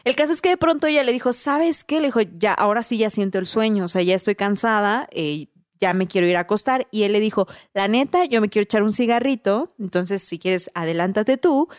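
A woman with a Mexican accent, telling a story in a casual, animated way, full of slang and tag questions. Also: mid-range voice, brisk, few pauses, no room sound, studio quality. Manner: animated, slangy, tags lines with "¿no?" and "güey".

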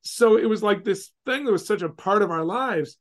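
A middle-aged man from California telling a personal story in casual talk, animated and acting out the voices of others. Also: high-pitched, moderate pace. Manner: animated, acts out quoted voices.

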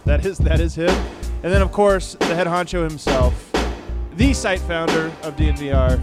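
A man's voice: fairly high pitch, normal speed, loud music behind the voice. A man hosting a casual sports podcast, with an upbeat, announcer-like way of introducing things. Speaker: podcast host. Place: bar under construction.

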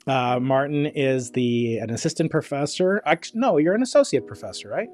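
A man's voice: mid-range voice, lively intonation, moderate pace, a little mellow. Rambling middle-aged man hosting a podcast. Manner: rambling, chatty with many fillers and restarts. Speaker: podcast host. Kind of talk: casual interview chat.

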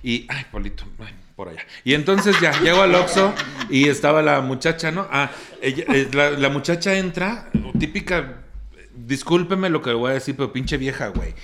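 A man's voice: fairly high pitch, animated, normal speed, fairly bright tone, slight background noise. Ranting Mexican man telling a story. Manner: ranting, swears a lot. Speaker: podcast host. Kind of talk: comic storytelling chat.

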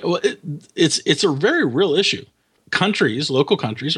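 A man's voice: medium pitch, fairly bright tone, breathy edge. A man talking as a podcast guest, explaining his views at length with many fillers and restarts. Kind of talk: casual interview chat.

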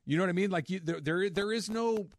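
A man's voice: sits high, quick pace, no room sound, clean studio sound. A man hosting a casual sports talk show, chatty and joking, often restarting his sentences. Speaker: sports radio host.

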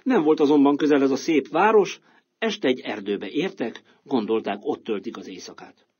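Husky man telling a bedtime tale. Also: medium pitch. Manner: expressive, lively storytelling. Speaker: storyteller. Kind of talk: children's storybook narration. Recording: dull lo-fi recording.

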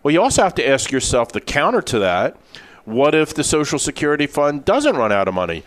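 A man's voice: fairly high pitch, big pitch swings, a little fast. A man co-hosting a financial radio show, talking emphatically and repeating key words for stress. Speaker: financial advisor co-host.

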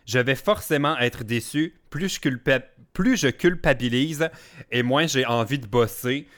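A man with a Quebec French accent hosting a casual podcast chat, playful and quick to laugh. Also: medium pitch, a bit bright. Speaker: podcast host.

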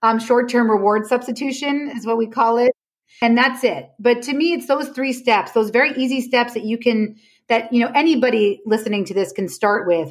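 A woman with a fairly high-pitched voice appears as a podcast guest, conversationally laying out her ideas, telling anecdotes with emphasis, and performing the dialogue she reports.

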